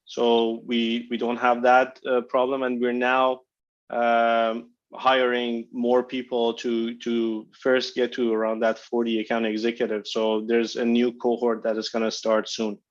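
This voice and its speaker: Unhurried and monotone, the executive's medium-pitched voice comes through a dull conference call connection as he responds to analysts. He keeps hesitating, restarting sentences and leaning on fillers.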